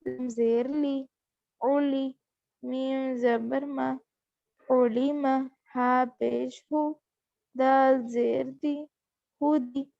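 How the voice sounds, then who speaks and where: A woman teaching Quran reading, spelling out syllables one by one and adding quick explanations. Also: high-pitched, creaky, no echo, muffled recording. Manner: spells each syllable slowly, then explains in quick asides. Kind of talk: slow drilled lesson recital.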